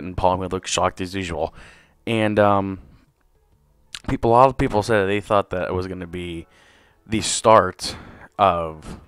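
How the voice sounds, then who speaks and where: Male podcast host with a deep voice, slightly hoarse, loose rambling delivery, dry sound. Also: fairly bright tone, no echo. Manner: rambling, profane, with many fillers. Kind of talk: casual solo show review.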